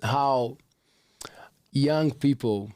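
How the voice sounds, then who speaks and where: A man's voice: medium pitch, extremely slow, a little mellow, no echo, studio quality. A man hosting a casual podcast interview, asking loose, hesitant questions full of fillers. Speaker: podcast host.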